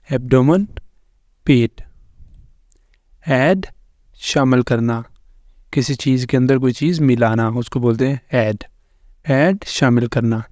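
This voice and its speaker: A man's voice: medium pitch, a little mellow, no room sound. A man teaching English vocabulary, saying each word and its meaning twice. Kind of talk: slow instructional narration over slides.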